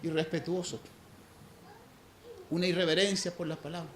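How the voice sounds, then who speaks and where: A man preaching a sermon as pastor, swinging between loud emphasis and hushed low passages. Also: little pitch movement, normal speed, a little hiss or hum. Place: church sanctuary. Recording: echoey church room, faint ambience.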